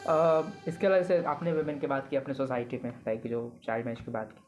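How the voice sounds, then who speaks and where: A man's voice: medium pitch, steady tone, brisk, over loud music. A young man from Bihar hosting a casual interview, speaking reflectively and mixing in English fillers. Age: young adult. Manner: reflective, mixes English filler words into Hindi. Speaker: host, interviewer. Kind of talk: casual conversation. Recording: dull lo-fi audio.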